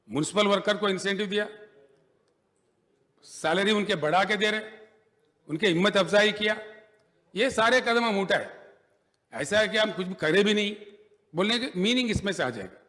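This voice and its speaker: A man's voice: high-pitched, fairly bright tone. A man replying as a government minister in an assembly debate, switching between Hindi and English and repeatedly asking to be heard. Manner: defensive, keeps pleading to be heard. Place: legislative assembly chamber. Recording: long reverb of an assembly hall.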